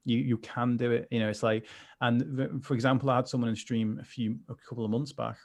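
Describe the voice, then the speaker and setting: A man's voice: mid-range voice, fairly even intonation, brisk, vocal fry, a little mellow. A man, a mental health coach, chatting earnestly on a livestream, rambling with many restarts. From United Kingdom. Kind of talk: casual conversation on a livestream.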